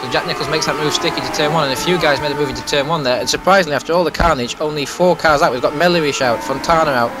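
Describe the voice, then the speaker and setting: A man's voice: a little high, very fast, hardly any pauses, music in the background. A man giving live motorsport race commentary.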